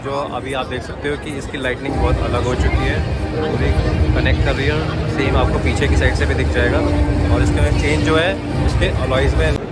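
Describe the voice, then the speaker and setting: A man's voice: mid-range voice, flat delivery, brisk. A man giving an enthusiastic, casual walkaround of cars at a crowded indoor auto show, recorded on a handheld phone. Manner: enthusiastic, points things out to the viewer. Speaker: car show presenter. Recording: loud music and crowd chatter behind.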